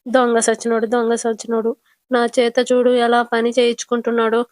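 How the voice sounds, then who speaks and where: A woman voicing a sharp-tongued grandmother over seventy who grumbles and scolds. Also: fairly high pitch, monotone, fairly quick, no room sound, natural voice. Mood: grumbling.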